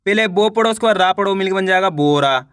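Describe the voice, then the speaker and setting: A man teaching children to read Hindi, sounding out syllables slowly and repeating each word as a question and answer. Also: sits high, fairly bright tone, clean tone, no room sound, studio quality. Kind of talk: step-by-step reading lesson.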